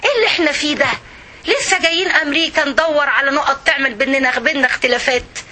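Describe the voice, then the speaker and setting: A woman's voice: high voice, racing, bright, forceful tone, slight background noise. A woman with an Egyptian Arabic accent, giving a religious lesson to a women's circle in an impassioned way, full of rhetorical questions. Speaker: religious teacher.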